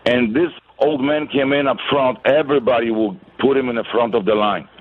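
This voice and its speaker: A middle-aged man from Poland speaks in a Polish accent, calling a radio show from a landline phone. His voice sits at an average pitch and comes through narrow and tinny down the line. He talks bluntly and indignantly, with salty language. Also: fairly quick. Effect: over a landline phone. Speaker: caller. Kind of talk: call-in radio chat.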